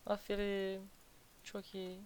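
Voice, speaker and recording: A man's voice: high-pitched, monotone, slow pace, clear, resonant tone. A man casually commenting on his strategy game as he plays, muttering to himself and breaking into exasperated outbursts. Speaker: gameplay commentator.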